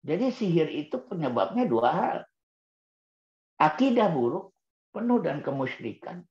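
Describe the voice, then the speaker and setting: A man's voice: a little high, very animated, normal speed, a little mellow. A man giving an Islamic parenting talk to parents, asking rhetorical questions and answering them himself, and repeating key words for emphasis. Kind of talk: book-review talk to parents. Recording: roomy dull-sounding recording.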